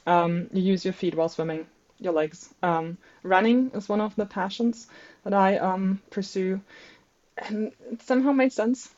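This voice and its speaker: With a German accent and a medium-pitched, slightly mellow voice, this German-born native speaker, a researcher and PhD candidate, is a podcast guest chatting casually at normal speed. She's good-humoured and pokes fun at herself, and the sound is lo-fi.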